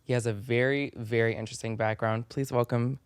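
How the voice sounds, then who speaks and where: A man hosting a podcast, talking in an easy, effusive way and tossing in casual slang. His voice is clear and resonant, with a mid-range pitch. The sound is dry and close. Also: steady tone, a little fast, no echo. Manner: effusive and chatty, uses slang. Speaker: podcast host. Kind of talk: casual interview chat.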